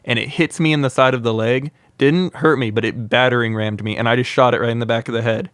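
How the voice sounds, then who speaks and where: A young man talks fast in a mid-range voice as a podcast guest, a wildlife content creator casually telling wild anecdotes crammed with "like." The studio-quality recording has no room sound.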